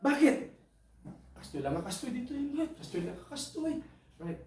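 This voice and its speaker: A man preaches a sermon in a high voice, emphatic, tossing "right?" at the congregation and breaking into high shouts. He sounds distant from the mic, and the church hall echoes around him. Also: very animated, normal speed.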